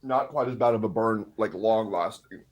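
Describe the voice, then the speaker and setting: A man's voice: lowish voice, moderate pace. A man co-hosting a casual livestream, his mouth burning after eating a hot pepper. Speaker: livestream co-host.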